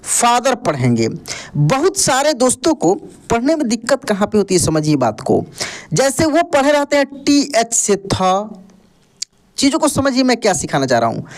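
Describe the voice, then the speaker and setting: A man's voice: very high-pitched, very animated, moderate pace. A man teaching a lesson, explaining step by step and drilling words by asking and answering his own questions. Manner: explanatory, addresses viewers as friends. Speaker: online English tutor. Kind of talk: classroom-style lesson.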